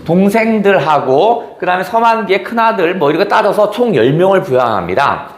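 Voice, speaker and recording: Guy teaching a novel for exam prep, kinda high voice, bouncy, echoey room. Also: very animated, a little fast. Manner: casual explaining, asks and answers his own questions; reads dialogue aloud in character. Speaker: Korean literature teacher.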